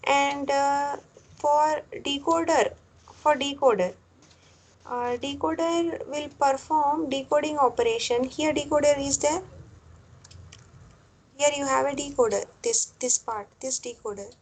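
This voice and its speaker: Slow, high-voiced woman lecturer. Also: slight background noise, rough recording. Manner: explains step by step, repeats phrases, many fillers. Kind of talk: classroom lecture.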